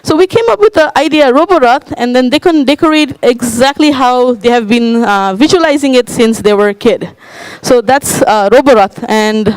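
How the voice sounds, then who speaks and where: A woman from Nepal presents her work in a high, clear voice. The sound is close and dry, and she hesitates often, with many uhs and likes. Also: no echo, low-quality recording. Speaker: panel speaker. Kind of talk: conference presentation.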